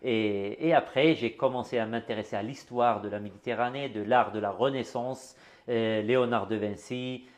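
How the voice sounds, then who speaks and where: Middle-aged guy from algeria, artist guest, chats warmly, lots of euh and repeats. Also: mid-range voice, fairly even intonation, normal speed. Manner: warm reminiscing, repeats words, many fillers. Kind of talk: interview conversation.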